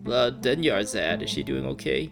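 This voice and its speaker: Playful, very low-voiced woman gamer. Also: lively intonation, normal speed, creaky, loud music behind the voice. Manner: playful, silly asides. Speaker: game streamer. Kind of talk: casual game commentary with dialogue read-along.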